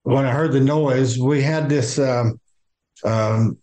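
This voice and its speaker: Halting older Southern man, interviewee. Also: mid-range voice, dark tone. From American South. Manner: halting, many fillers and restarts. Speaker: guest. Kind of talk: interview, personal account.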